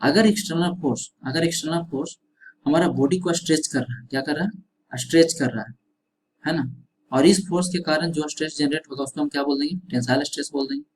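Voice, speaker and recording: A male engineering teacher with a fairly high voice gives a fast classroom lecture, captured in a rough recording with a slight hiss or hum. He repeats questions and answers them himself, frequently adding the tag "है ना".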